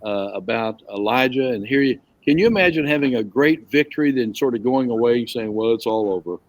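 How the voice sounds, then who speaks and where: A man's voice: mid-range voice, a little fast, no echo. Guy running a bible study, chatty and rambly, dry close sound. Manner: chatty, rambling, with restarts and questions to the group. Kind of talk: casual group Bible teaching.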